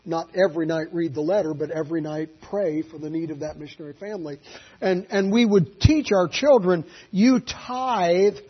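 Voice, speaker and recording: Man, pastor, sermon, folksy storytelling, husky voice, dull lo-fi recording. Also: a little high, a little fast. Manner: folksy storytelling, swings from quiet asides to loud emphatic peaks. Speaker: Baptist pastor.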